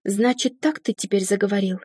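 In an audiobook, a woman with a fairly high, dark, natural voice performs an adult wife who is furious, sarcastic and sharp-tongued as she confronts her unfaithful husband. She keeps a steady tone at a moderate pace, recorded in studio quality with no echo.

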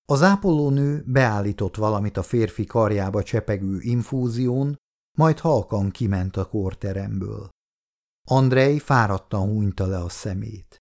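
Male audiobook narrator, low voice with gravel, measured and steady. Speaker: audiobook reader.

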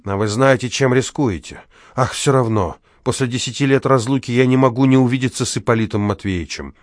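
A man's voice: medium pitch, brisk, dry recording, clean studio sound, voice pushed up, close to an everyday voice. Male narrator as a nervous, pleading older fortune-teller woman. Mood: anxious.

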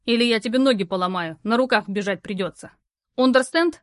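A woman voicing a gruff, burly male courier who talks curtly and in rough slang. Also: medium pitch, fast talker, dry recording, studio quality, natural voice.

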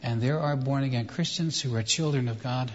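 A man preaching a sermon in short phrases, pausing for his interpreter. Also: medium pitch. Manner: emphatic, pauses for translation. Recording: echoey hall, dull sound.

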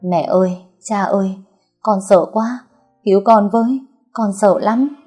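A woman voicing a frightened young woman crying quietly for her parents. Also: mid-range voice, unhurried, faint music behind, close to an everyday voice.

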